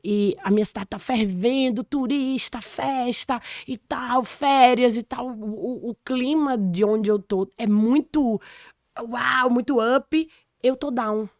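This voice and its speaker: A woman's voice: a little high, slow, darkish tone, dry recording, clean studio sound. A woman in her forties from Salvador, Brazil, a podcast guest telling a personal story in casual chat, with many restarts.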